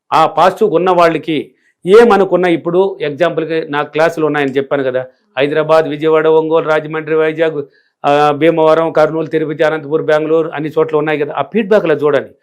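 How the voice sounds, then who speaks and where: A fast-talking middle-aged man with a steady tone and a voice on the high side answers an interviewer's questions in the role of a spiritual teacher. Hailing from a village in rural India, he drives home every point with emphatic repetition.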